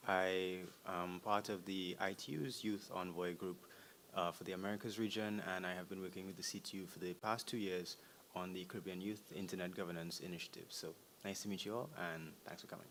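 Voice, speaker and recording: Deep-voiced Trinidadian man. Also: steady tone, a little fast, a bit bright. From Trinidad and Tobago. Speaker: youth envoy and consultant introducing himself. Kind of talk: meeting self-introduction. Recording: hissy room recording.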